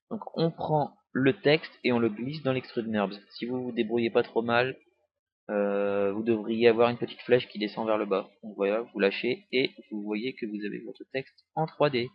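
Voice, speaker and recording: A man's voice: mid-range voice, steady tone, moderate pace, no echo. Young man, casual tutorial, hesitant and rambling, dry lo-fi recording. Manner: rambling, many hesitations and fillers, joking. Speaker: tutorial maker. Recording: dry, dull lo-fi home recording.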